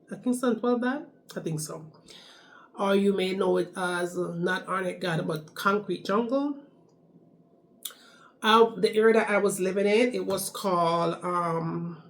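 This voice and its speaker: This storytime vlog features a young Jamaican woman whose gravelly voice sits on the low side. Speaking casually in her Jamaican accent, the vlogger repeats phrases and tags her lines with "okay?".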